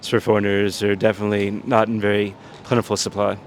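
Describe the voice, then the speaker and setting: Guy from louisiana giving blunt interview answers, lowish voice. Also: level tone, quick pace, slight background noise. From Louisiana, United States.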